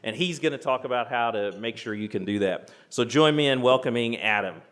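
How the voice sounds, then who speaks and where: A man's voice: medium pitch, fairly quick, background noise. A man hosting a conference. He reads a prepared introduction of the next speaker, then adds loose remarks.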